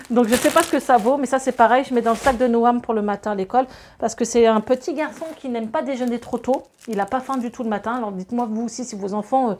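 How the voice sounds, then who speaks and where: A woman in her thirties from France, chatting casually to camera about her groceries, lively with many fillers and asides to viewers. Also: fairly high pitch, a little hiss or hum. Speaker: grocery haul vlogger and mother.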